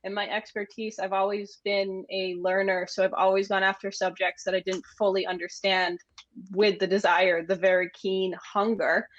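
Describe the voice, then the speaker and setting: With an American accent, a woman from Maine who manages an agency chats as an interview guest. Her mid-range voice is flat in delivery at a moderate pace. The recording is muffled, with no room sound.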